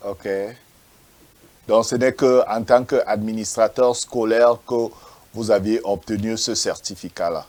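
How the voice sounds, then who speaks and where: A man's voice: on the low side, steady tone, a little slow, darkish tone. A man hosting an interview, stammering and repeating words with many fillers as he asks questions. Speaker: interviewer, host.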